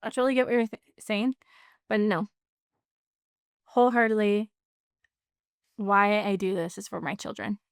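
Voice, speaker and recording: A woman's voice: medium pitch, fairly even intonation, normal speed, long pauses, smooth, dry recording, studio quality. A woman in her thirties, a podcast guest chatting casually and emotionally, filling her talk with "like". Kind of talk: casual interview chat.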